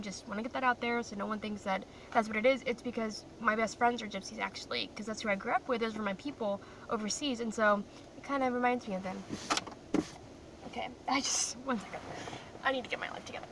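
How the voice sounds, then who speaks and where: A young adult vlogger who grew up in Croatia chats and rambles to her phone camera from a parked car, often teasing herself. Her voice is fairly high, pushed, and bright. The recording has a distant mic and faint car noise in the background.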